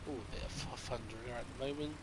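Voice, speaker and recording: Congested from a cold, a gaming channel host rambles casually while playing a farming game, thinking out loud as he goes. His medium-pitched voice has fairly even intonation and he races along. The recording is very noisy.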